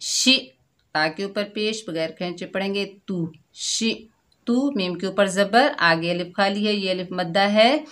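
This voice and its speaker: A woman teaching Quran recitation word by word, patient and explanatory, slowing to draw out each recited word. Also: medium pitch, fairly bright tone. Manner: patient and explanatory, often adding a checking "theek hai"; slows and draws out the recited words. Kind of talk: slow word-by-word recitation lesson.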